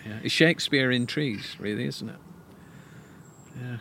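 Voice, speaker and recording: A man's voice: mid-range voice, unhurried, creaky, sharp tone, a little hiss or hum. A man, a tree expert, telling stories eagerly with frequent restarts. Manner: enthusiastic, stammering restarts. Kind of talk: casual conversation.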